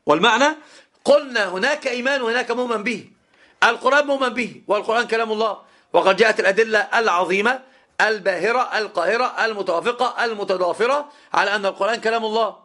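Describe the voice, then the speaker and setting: High-voiced sheikh teaching emphatically. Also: male voice, bright, forceful tone. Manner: emphatic, repeats key phrases, slows to stress points. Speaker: Islamic scholar teaching a lesson. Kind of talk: classroom lecture on legal theory.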